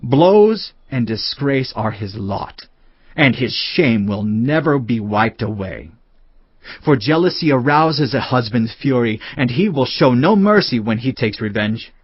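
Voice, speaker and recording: Husky and expressive, a mid-range male voice delivers a dramatised Bible narration at a measured pace, sounding like a solemn father figure giving admonishment. The recording has no echo but is a little muffled, set over a bed of music.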